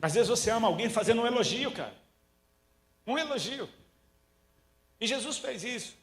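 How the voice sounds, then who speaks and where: A man's voice: very high-pitched, normal speed. A Brazilian man preaching a sermon, telling stories with slang and acting out the quotes. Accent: Brazilian Portuguese. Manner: animated storytelling, slangy, acts out quotes. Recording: roomy echo.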